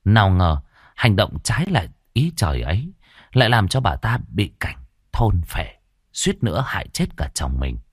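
A male audiobook narrator reads a fantasy tale in a low voice. His delivery is expressive, and his pitch rises and falls widely. The recording is dry and close. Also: normal speed, slightly rough, no echo. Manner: expressive storytelling reading. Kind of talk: scripted narration of a fantasy story.

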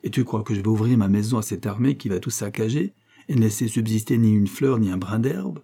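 A man's voice: lowish voice, brisk, creaky, mellow. A man reading an audiobook and voicing a level-headed young male engineer who teases and scolds his servant. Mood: incredulous. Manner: teasing and scolding.

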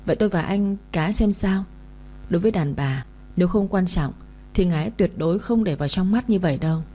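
Woman reading as a shrewd knowing lady, wry, slow, low mellow voice. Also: close to an everyday voice.

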